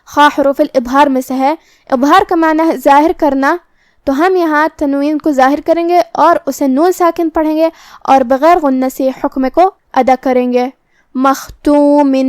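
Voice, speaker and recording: A woman teaching Quran recitation, explaining each letter's articulation methodically and reciting verses slowly. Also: high-pitched, a little mellow, dry recording, studio quality. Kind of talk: recorded tajweed lesson.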